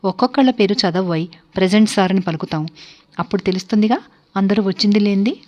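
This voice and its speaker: A woman voicing an irritable, outspoken male dinner guest who questions loudly and indignantly. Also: medium pitch, fast talker, lightly acted. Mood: bossy. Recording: dull lo-fi recording.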